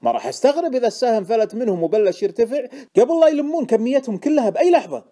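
Man voicing a shrill pushy stock tipster. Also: expressive, moderate pace. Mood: insistent. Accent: Gulf Arabic. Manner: insistent, indignant, loud. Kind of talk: audiobook character voice.

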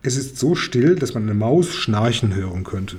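A man reading a children's audiobook as narrator, telling the story in a lively way. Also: medium pitch, normal speed, slightly rough.

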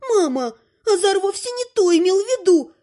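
Brief: woman voicing a young daughter, high, weepy and pleading, storybook reading. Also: sing-song, normal speed, dark tone. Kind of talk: audiobook character voice.

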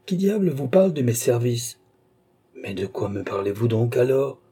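A man voicing a brusque, impatient old baron who scolds his daughter with sharp, insistent lines. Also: mid-range voice, moderate pace, husky, close to an everyday voice. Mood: scolding, impatient.

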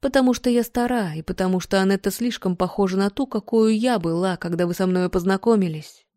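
A woman reading aloud voices an aging countess who pleads softly and tearfully with the man she loves. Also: medium pitch, brisk, no room sound, clean studio sound, natural voice. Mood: sorrowful. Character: aging countess, pleading, heartbroken, desperate in love.

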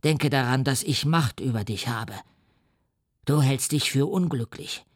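A man's voice: medium pitch, a little slow, dry recording, studio quality, lightly acted. A man playing a furious, defiant young scientist. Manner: vehement and indignant.

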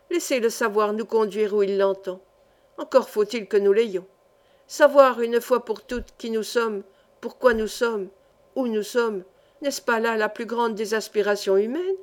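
Woman reading as an imperious, shouting professor. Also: on the high side, natural voice. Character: irascible arrogant male professor, domineering.

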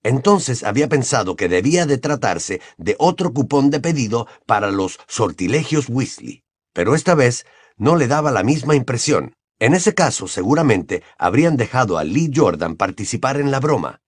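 A man narrating an audiobook in an expressive, varied storytelling manner. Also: mid-range voice, normal speed, slightly rough, dry recording, studio quality. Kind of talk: audiobook reading.

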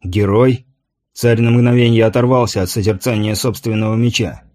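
A man reading a novel aloud as an audiobook narrator, in a measured, even manner. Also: mid-range voice. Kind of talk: scripted narration.

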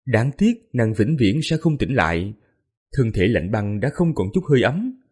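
Male audiobook narrator, dramatic and mournful, husky voice with a lively pitch. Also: normal speed. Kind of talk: scripted narration.

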